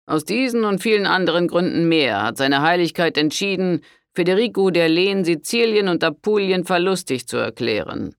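A man voicing a pompous count who speaks slowly and formally in an audiobook. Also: high-pitched, animated, vocal fry, no room sound, studio quality, pitched above the performer's own voice. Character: pompous male count in red armor.

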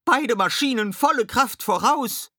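A man voicing a bossy, determined girl with a high, sharp voice. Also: sing-song, takes it slowly, no room sound, clean studio sound, heavily acted.

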